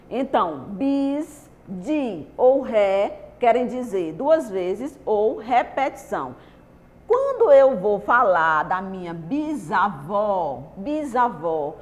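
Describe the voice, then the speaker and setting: Slow, patient Brazilian woman teacher. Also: fairly high pitch, a little mellow. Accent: Brazilian Portuguese. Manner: asks the class questions and answers them herself; slow, patient, stretched-out explaining. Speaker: primary school teacher. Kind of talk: online lesson for young children.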